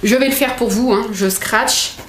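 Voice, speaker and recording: A young woman chatting as a book vlogger, excitable and full of fillers. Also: on the high side, normal speed, a little hiss or hum. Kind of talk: casual unboxing chat. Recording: echoey room.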